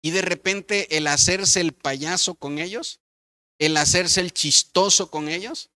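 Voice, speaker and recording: A man's voice: high voice, unhurried, sharp tone, no echo, clean studio sound. A middle-aged man, a pastor, talking in a church conversation who playfully acts out his children's voices.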